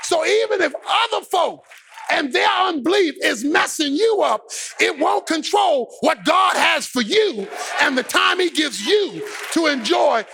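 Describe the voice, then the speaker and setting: A man preaching a sermon with an impassioned, sing-song shouted cadence. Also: extremely high pitch, lively intonation, unhurried, creaky.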